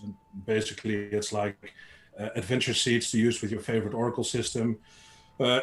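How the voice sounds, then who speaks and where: A man chatting casually as a panel guest, hesitant and often repeating words. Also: mid-range voice. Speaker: solo gaming resource creator, panel guest.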